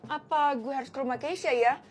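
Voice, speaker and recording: High-voiced young woman doing comic POV skits. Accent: Indonesian, Jakarta slang. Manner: switches quickly between characters, playful and expressive. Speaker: content creator. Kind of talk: comic POV skits, one performer voicing all roles.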